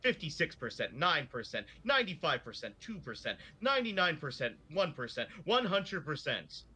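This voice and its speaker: A man voicing a malfunctioning robot in a slow, flat robot voice, droning status readouts during a tabletop game. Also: fairly high pitch, breathy edge, full character voice. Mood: robotic.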